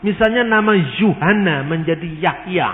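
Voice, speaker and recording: A man giving an animated teaching talk who mimics regional pronunciations and asks rhetorical questions. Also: sits high, normal speed, faint music behind. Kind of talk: lecture-style teaching. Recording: tinny, phone-like sound in a long-echo hall.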